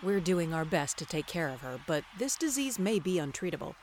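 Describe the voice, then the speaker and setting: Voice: medium pitch, very animated, brisk, a little hiss or hum, close to an everyday voice. An actor playing an evasive corporate spokeswoman in a comedy audio drama.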